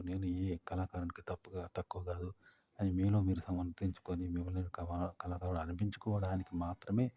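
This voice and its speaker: A man's voice: on the low side, vocal fry, mellow, breathy edge. A man giving informal advice, asking rhetorical questions and using plain folksy examples. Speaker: YouTube advice teacher. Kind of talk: informal tutorial talk.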